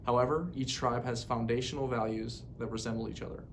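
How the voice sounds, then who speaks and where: In a brisk voice with fairly even intonation, a man formally reads an educational narration from a script. The recording comes from a weak microphone, with rumbling clearly heard behind the speech.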